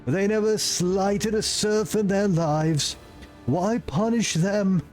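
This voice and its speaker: A man's voice: high voice, takes it slowly, a little mellow, soft background music, voice pushed up. A man voicing a pious, vengeful confessor from a video game in a solemn, declamatory way. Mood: grieving. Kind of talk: video game role-play read aloud.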